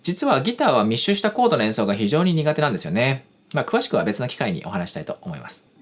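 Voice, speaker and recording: Man, guitar teacher, quick and lively delivery, polite explainer, guitar playing behind. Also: mid-range voice. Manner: polite, explanatory, with casual fillers. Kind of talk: scripted lesson narration. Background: guitar music.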